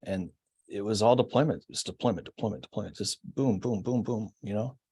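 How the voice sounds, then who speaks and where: Husky, low-voiced man in his forties. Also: fairly quick, warm tone. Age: 40s. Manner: reflective, hesitant, many fillers. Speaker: podcast guest. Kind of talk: casual storytelling.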